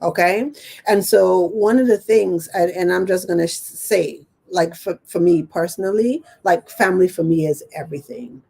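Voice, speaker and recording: A woman's voice: fairly low pitch, normal speed, vocal fry, warm tone, husky. A woman coaching business owners on a live stream, chatty and encouraging, with lots of "okay" and "you know" as she answers viewer questions.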